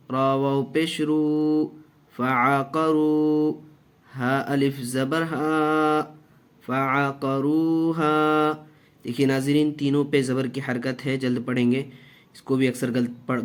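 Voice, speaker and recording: Male Quran teacher for a reading lesson; clear resonant voice, steady unhurried drilling of syllables. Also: mid-range voice. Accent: Indian Urdu-Hindi. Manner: slow, deliberate syllable-by-syllable drilling, even tone. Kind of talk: spelling-out Quran recitation lesson.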